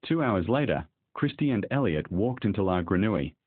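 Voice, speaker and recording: Male audiobook narrator, low and husky, lively delivery, dry tinny phone-like audio. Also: brisk, no echo. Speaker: story narrator.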